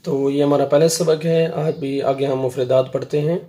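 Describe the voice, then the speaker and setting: A middle-aged man teaching Quranic letters, patiently drilling each sound and repeating it slowly and loudly. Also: medium pitch, steady tone. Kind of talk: Quran recitation lesson.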